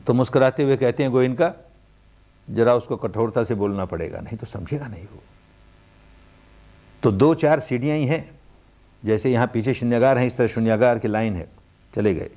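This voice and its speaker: A man giving a spoken meditation discourse in an earnest preaching manner, with rhetorical questions and swings between loud emphasis and quiet softness. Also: medium pitch. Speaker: meditation teacher. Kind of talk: dharma discourse.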